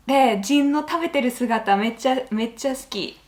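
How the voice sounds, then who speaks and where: Woman w/ lilt rambling thru a reaction vid, fillers everywhere, kinda high voice. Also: fairly quick. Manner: chatty, laughing, thinks aloud with fillers. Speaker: reaction video host. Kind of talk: casual reaction commentary.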